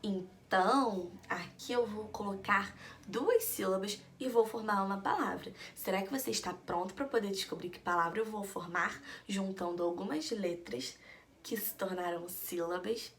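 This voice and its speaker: A woman teaching a reading lesson to young children in a slow, sing-song teacher voice, asking questions and answering them herself. She speaks Brazilian Portuguese. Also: medium pitch, a bit bright, a little hiss or hum.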